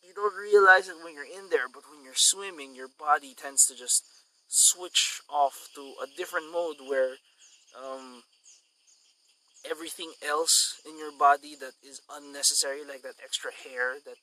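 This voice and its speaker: Man vlogger, rambling outdoor chat, sharp bright tone, dry close sound, crickets behind. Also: moderate pace, no echo, poor audio. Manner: rambling, chatty, coaxes a dog in a high voice. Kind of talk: casual outdoor vlog. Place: outdoors at a sunny resort in the morning. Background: insects and crickets.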